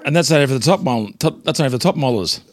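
Fast deadpan Australian co-host. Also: male voice, medium pitch, crowd noise. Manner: deadpan, quick crude one-liners. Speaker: podcast co-host. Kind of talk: crude comedy podcast banter.

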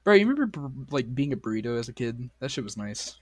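A man hosting a podcast, chatting casually with crude, excitable banter while straining a sore voice. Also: medium pitch, fast, no room sound. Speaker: podcast host. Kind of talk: casual chat.

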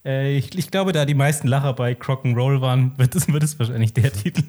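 Ein Mann moderiert einen lockeren Podcast, lacht oft und probiert Wortspiele aus. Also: male voice, mid-range voice, fairly quick, warm tone. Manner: playful, laughs often, tries out puns. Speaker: podcast host. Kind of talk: casual podcast chat.

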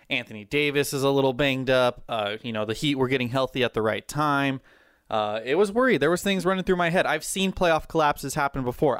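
Smooth-voiced, excitable sports podcast host. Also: male voice, mid-range voice, no room sound, clean studio sound. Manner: energetic, rambling, fan enthusiasm. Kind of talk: casual sports chat.

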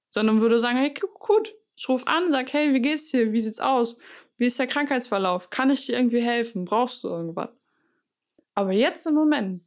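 Woman rambling casually, kinda high voice, acts out what people said. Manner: talks freely with fillers, acts out quoted dialogue. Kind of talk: casual monologue.

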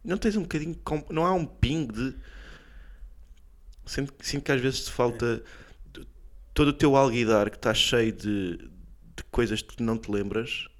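A young man with a European Portuguese accent, co-hosting a comedy podcast in a soft, mock-pleading manner. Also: medium pitch, normal speed. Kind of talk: casual comedic banter.

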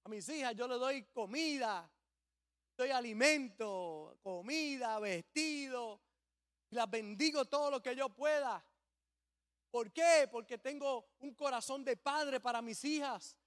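A man preaching a sermon as a pastor, swelling suddenly loud and acting out the people he quotes. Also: extremely high pitch, slow.

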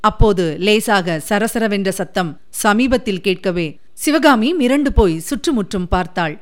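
Clear-voiced woman narrating an audiobook. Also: medium pitch. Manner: measured, expressive storytelling. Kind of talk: scripted narration.

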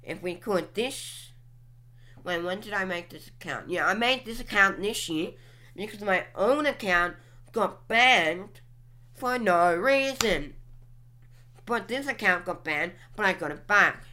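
A woman's voice: medium pitch, lively intonation, unhurried, bright, forceful tone. A young woman hosting her own podcast, musing aloud while clicking through her social media accounts. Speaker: podcast host reviewing her channel stats. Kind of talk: casual solo commentary.

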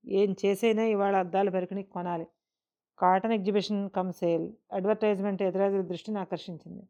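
Female storyteller, dark mellow voice, measured emotive delivery, dull lo-fi recording. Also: medium pitch. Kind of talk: scripted story narration.

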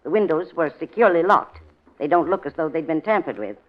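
An actress playing a calm, guarded, suspicious widow in a 1940s radio drama. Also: female voice, sits low, brisk. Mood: cool, suspicious. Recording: dull vintage radio recording.

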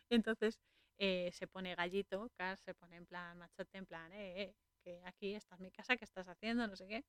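A woman with a Spain Spanish accent hosts a casual podcast and walks listeners through a film scene by scene. She is chatty and laughs often as she tells it. Her voice sits at an ordinary middle pitch, and the sound is dry and close with no room echo. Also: clear, resonant tone. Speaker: podcast host.

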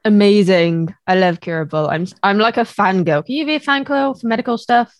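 A woman's voice: mid-range voice, brisk, no echo. Woman doing podcast host chat, youngish, says things firmly, very dry close audio. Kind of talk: conversational podcast talk.

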